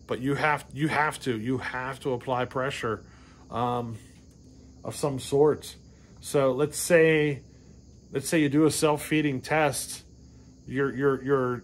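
A man in his forties talks chainsaw chains to the camera inside his garage workshop. His voice sits in an ordinary middle pitch, and he rambles, backtracks and keeps checking in with "you know what I mean". Faint crickets chirp in the background. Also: slight background noise. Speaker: chainsaw channel host. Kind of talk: casual shop talk to camera.

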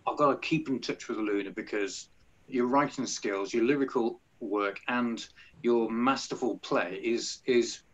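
A man hosts a podcast in an eager, halting way, stumbling and restarting as he speaks. His voice has a middle pitch, and the recording sounds dull and lo-fi. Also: fairly bright tone. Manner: enthusiastic, halting, many fillers and restarts. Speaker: podcast host. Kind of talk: casual podcast interview.

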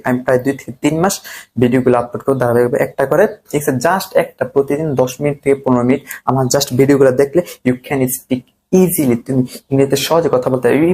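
A man with a Bangladeshi accent teaches English pronunciation in a patient, repetitive way, spelling each word letter by letter and checking in often. His voice sits at a middle pitch for a man. Faint noise runs under the recording. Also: a little mellow, low-quality recording. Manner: repetitive, spells words letter by letter, keeps asking "ঠিক আছে?". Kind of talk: classroom-style pronunciation lesson.

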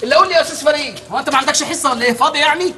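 An actor playing a loud, bossy, old-fashioned male Arabic teacher who scolds in a comically indignant way. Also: very high voice, rapid-fire, slight background noise, exaggerated voice. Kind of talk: comedy film acting.

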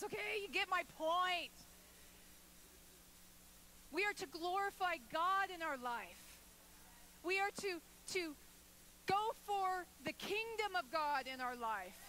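A woman pastor preaching a sermon, emphatic and rising to forceful declarations. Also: very high voice, a little hiss or hum, low-quality recording.

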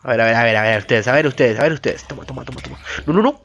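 A man's voice: mid-range voice, rapid-fire, fairly bright tone, slight background noise. A man giving chatty let's play commentary while mining, humming "pa pa pa" to himself. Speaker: gamer. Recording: dull lo-fi mic audio.

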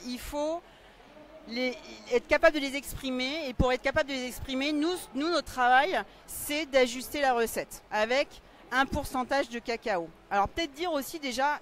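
A woman in her forties speaks at a crowded trade stand, explaining things in a lively way and asking questions back. She holds a handheld mic in a big indoor exhibition hall. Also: high-pitched. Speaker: staff member at the stand. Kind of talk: live event interview.

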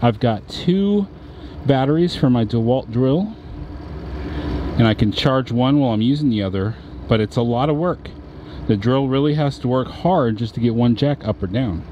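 A man's voice: mid-range voice, animated, moderate pace, warm tone, dull audio, slight background noise. A man vlogging casually at his RV campsite, rambling as he explains things step by step. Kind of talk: casual vlog talk.

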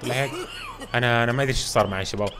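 A young man commentating his gameplay for viewers, reacting loudly and excitedly to what happens on screen. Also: medium pitch, racing, background noise. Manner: reacts loudly to game events, addresses viewers as "guys". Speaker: gaming channel host. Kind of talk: excitable let's-play commentary.

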